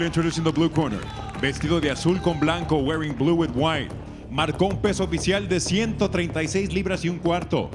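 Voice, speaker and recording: A man working as a ring announcer in a dramatic lucha libre style, switching between two languages in a booming voice and stretching out names. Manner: alternates Spanish and English. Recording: loud music behind. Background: music.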